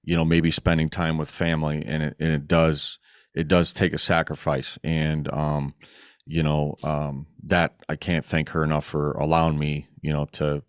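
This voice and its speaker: A middle-aged man with a very deep voice speaks as a podcast guest. His delivery is flat and earnest, with halting pauses, and the sound is close and dry. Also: smooth, no room sound. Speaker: guest, racing club organizer. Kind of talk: casual podcast interview.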